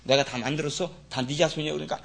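A pastor preaching a sermon in an animated, folksy way. He speaks to the congregation with dialect asides. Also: a little high, rapid-fire, vocal fry. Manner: animated, acts out Bible figures in dramatic voices.

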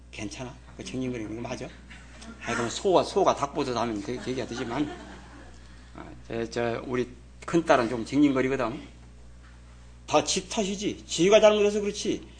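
A man in his sixties preaching a sermon as pastor, scolding in a chatty way and swinging from loud exclamations to quiet asides. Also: mid-range voice.

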